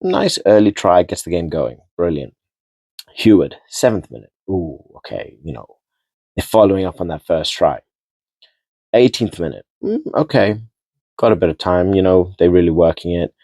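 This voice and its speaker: Low-voiced man chatting through a rugby recap. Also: lively intonation, moderate pace, dark tone, no echo. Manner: chatty, rambling, repeats and restarts words, mild swearing. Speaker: rugby vlogger. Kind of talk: casual spoken match recap.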